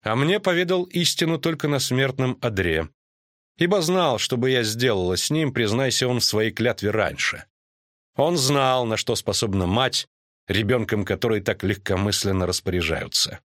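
A man reading an audiobook voices a proud, commanding queen with a measured, imperious delivery. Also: medium pitch, animated, fairly bright tone, no room sound, studio quality, lightly acted. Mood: stern, imperious. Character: proud stern queen, middle-aged woman, commanding.

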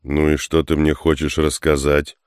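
A man voicing an impatient, gruff soldier. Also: extremely low pitch, level tone, moderate pace, a little mellow, no room sound, clean studio sound. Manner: impatient and grumbling.

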